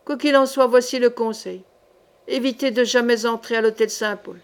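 A woman reading a gruff, blustering middle-aged male captain in an audiobook, grumbling and swearing. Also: fairly high pitch, steady tone, moderate pace, lightly acted.

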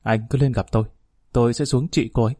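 A man voicing a calm, firm middle-aged village woman who mediates among husbands, speaking in a measured, plain-spoken, commanding way. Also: medium pitch, husky, no room sound, clean studio sound, lightly acted.

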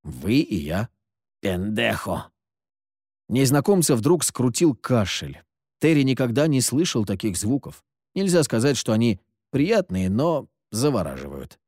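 A man reading a story aloud as its narrator, with expressive intonation. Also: mid-range voice, normal speed, dry recording, clean studio sound. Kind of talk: audiobook storytelling.

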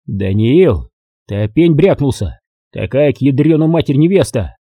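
Man voicing irritable exhausted commander, barking and swearing, husky dark voice, lively swings in pitch, dry sound. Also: moderate pace, no room sound, dull audio, natural voice. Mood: irritated. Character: gruff, exhausted, short-tempered male army commander.

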